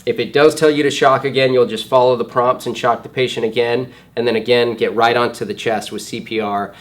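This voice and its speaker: A man's voice: mid-range voice, steady tone, fairly quick. A man instructing in first aid, explaining each step plainly during a hands-on demonstration.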